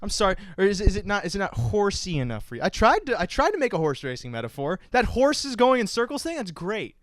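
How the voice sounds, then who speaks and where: A man's voice: sits high, very animated, fast talker, no echo. A young man hosting a racing podcast, bantering theatrically and mocking himself. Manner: theatrical, self-mocking, swings into silly voices. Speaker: host.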